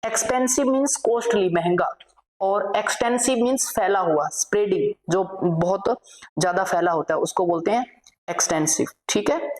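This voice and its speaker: A woman teacher leads a vocabulary lesson for exam students, explaining English words in Hindi and repeating each word as she dictates lists. Her voice is medium-pitched, moderately paced and slightly mellow, on a low-quality recording.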